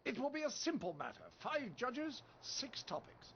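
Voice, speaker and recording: A pompous, taunting foreign debater. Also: male voice, extremely high pitch, sing-song, moderate pace, vocal fry, slight background noise, full character voice. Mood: mocking. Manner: pompous, taunting, sing-song delivery. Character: boastful foreign male debater, mocking and theatrical. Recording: dull lo-fi game audio.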